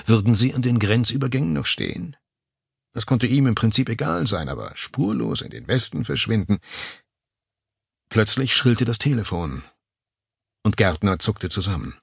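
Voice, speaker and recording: Gravelly-voiced man narrating a thriller. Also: big pitch swings, moderate pace, long pauses, no room sound. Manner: tense, dramatic pacing with sudden pitch jumps. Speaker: audiobook narrator. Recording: dry close studio mic.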